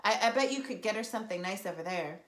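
A woman's voice: mid-range voice, expressive, fast talker, a bit bright, natural voice. A woman voicing a scheming, greedy schoolboy who wheedles and schemes, in a storybook reading with a roomy echo. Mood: sly. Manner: wheedling and sly.

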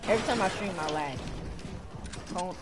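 A woman's voice: mid-range voice, expressive, fast talker. A female player streaming a game, chatting casually in slangy gamer banter. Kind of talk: casual gaming chat. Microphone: gaming voice chat. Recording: noisy gaming voice chat.

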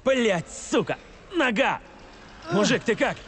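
A blunt, high-strung game action hero. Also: male voice, lively intonation, takes it slowly, over loud music, full character voice. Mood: frantic. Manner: exasperated, blunt, swearing. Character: gruff, foul-mouthed, irritable male soldier hero. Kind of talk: video game dramatic acting.

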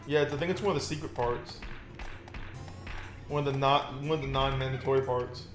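A man's voice: mid-range voice, fairly even intonation, fairly quick, echoey room, music in the background. A man co-hosting a let's play, bantering crudely and joking in casual chat while a game plays.

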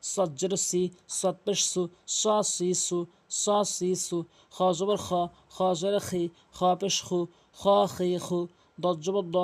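A man teaching Quran reading, slowly drilling Arabic letter sounds over and over. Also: high voice, a little mellow. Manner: slow, repetitive call-and-drill recitation.

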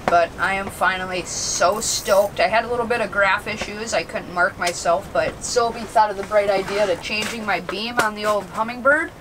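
A young man with a high-pitched voice narrates his fishing trip in a casual, upbeat way at a moderate pace with few pauses, calling his viewers "dudes." This fishing vlogger films himself with a handheld camera held at arm's length, both outdoors on a frozen lake and inside an ice shelter, with noise in the background.

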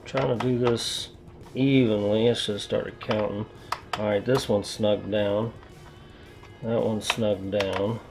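Over background music, a man speaks slowly in a steady, lowish voice as he works on his PC. He's a hobbyist vlogger repasting and reassembling his computer, rambling, talking to himself, and putting himself down in a casual way.

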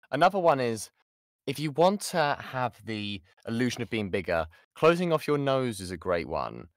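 With a medium-pitched voice and no room sound, a British man speaks close to the mic on an online call. He's giving an informal voice-acting lesson with audience questions, chatting, joking, and often interrupting himself.

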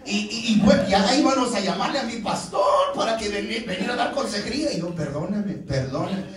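A man's voice: very high voice, fairly quick, a bit bright, far from the mic. A middle-aged man, a guest speaker at a church couples dinner, preaching with humor and chuckling through his own stories. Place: large church hall with a live audience. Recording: very echoey hall, heard from afar, audience.

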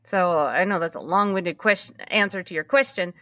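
In a dry recording, a woman in her early fifties, a podcast host now being interviewed, talks candidly and reflectively. Her voice sits on the low side and is a bit bright, and she moves at a moderate pace, repeating phrases for emphasis.

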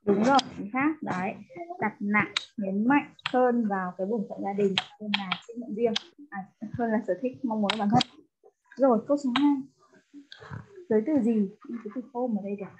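Tutor on a tinny line. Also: female voice, medium pitch, normal speed, noisy background. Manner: explains step by step, mixing English words into Vietnamese. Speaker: English teacher. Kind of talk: one-on-one tutoring lesson.

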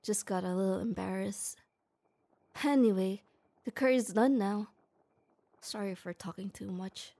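Playing a shy tomboy, gruff but kind, a young woman performs an ASMR roleplay close to the mic, talking to the listener with hesitation and stammering. Her mid-range voice is mellow, her pace measured, and she pauses often.

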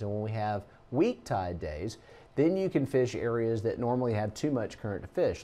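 A middle-aged man, a TV meteorologist giving a relaxed, folksy talk over slides. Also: fairly low pitch.

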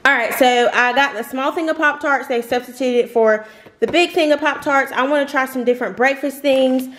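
A young woman in her twenties chatting casually through a grocery haul vlog at home, rambling and laughing often. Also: high voice. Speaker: vlogger. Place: home kitchen, indoors. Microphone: camera on the counter.

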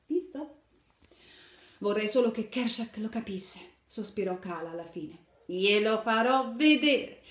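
A woman's voice: on the high side, roomy sound. A woman reading a fairy tale aloud to children, asking them questions as she shows the pictures. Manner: animated, asks the children questions while showing pictures. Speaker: storyteller for children.

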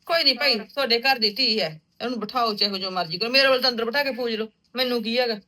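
A middle-aged woman playing a meddling, outspoken mother visiting her married daughter, talking in a stubborn, sharp-tongued way. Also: on the high side, fast talker. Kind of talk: rural village drama acting.

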